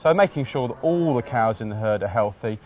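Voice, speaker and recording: A male vet answers interview questions in a measured, professional way. His explanations are careful and plainly put. The recording is a little dull and lo-fi. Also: mid-range voice, animated. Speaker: farm veterinarian.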